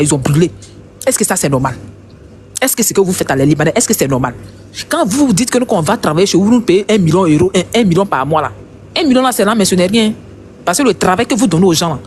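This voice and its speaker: Ivorian guy ranting fast about his country, high voice, repeats himself a lot. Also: a little hiss or hum. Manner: passionate, repetitive, emphatic. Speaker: commentator. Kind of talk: heated online commentary.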